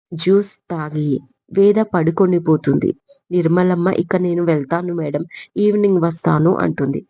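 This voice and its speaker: A woman storyteller with a low, gravelly, mellow voice reads a romance aloud, giving every character's lines in her own plain voice. The recording is dry and close, with a dull, lo-fi sound. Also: no echo. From India. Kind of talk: scripted story narration.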